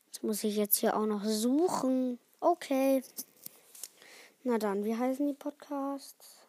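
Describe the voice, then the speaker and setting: A teenage girl chats on her own podcast, rambling from one thing to the next and restarting her words. She talks slowly in a somewhat high voice. The sound is dry and close. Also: dark tone, no echo. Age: teens. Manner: chatty, rambling, restarts often. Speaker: podcast host. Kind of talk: casual solo chat.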